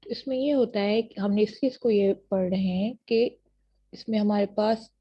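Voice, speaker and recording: A woman university lecturer with a Pakistani accent, explaining terms patiently and reading English definitions slowly, in a muffled lo-fi recording. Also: medium pitch, breathy edge. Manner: patient, repeats checks like "theek hai ji" after each point. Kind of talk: classroom lecture mixing Urdu and English.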